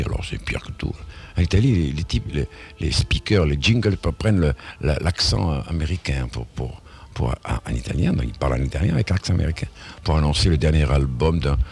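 A man's voice: extremely low pitch, gravelly, a little mellow, breathy edge. A man being interviewed as a musician, talking in a rambling, indignant way with many restarts and asides.

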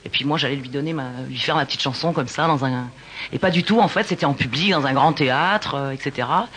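A woman singer-songwriter telling stories in a casual radio interview, talking in an animated, halting way with many restarts. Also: deep voice.

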